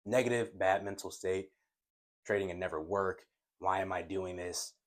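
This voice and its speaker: A man's voice: deep voice, moderate pace. A man teaching trading at a whiteboard in a casual way, who stutters and talks straight to his viewers. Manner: stutters when excited, talks to viewers as guys. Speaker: trading coach.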